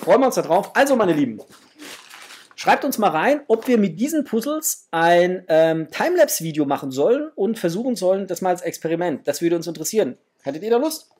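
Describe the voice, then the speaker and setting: Very animated and brisk, the high-pitched voice of a middle-aged toy collector vlogger comes across a little mellow with a breathy edge. He hosts a casual unboxing for viewers, enthusing in superlatives inside a small home room with framed posters.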